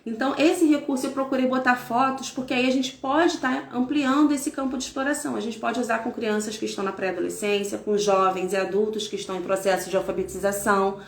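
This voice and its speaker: A middle-aged woman with a Brazilian accent, a literacy teacher who patiently explains an activity step by step, sounding syllables out slowly. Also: fairly high pitch, steady tone, reverberant. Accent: Brazilian Portuguese. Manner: patient, explains step by step, frequent tag questions. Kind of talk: instructional demonstration.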